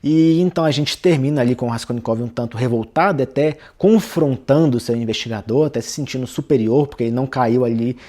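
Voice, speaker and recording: A man's voice: medium pitch, fast talker, hardly any pauses, dark tone. A young Brazilian man hosting a literature channel, talking through a novel in a casual, conversational way and often tagging his sentences with little check-ins. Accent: Brazilian Portuguese. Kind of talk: casual book-reading lesson.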